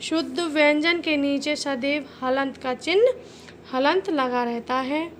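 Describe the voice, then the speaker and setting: High-voiced woman teacher, slow and careful. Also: fairly bright tone, a little hiss or hum. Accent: Hindi. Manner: slow, careful, drawn-out sounding of letters, addresses listeners as "beta". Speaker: school teacher. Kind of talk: recorded Hindi grammar lesson for young children.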